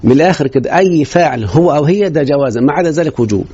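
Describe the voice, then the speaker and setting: In a dull, lo-fi classroom recording, a man teaching grammar with an Egyptian Arabic accent speaks rapid-fire, quizzing students through rhetorical questions. The voice is a little high, expressive, and dark in tone.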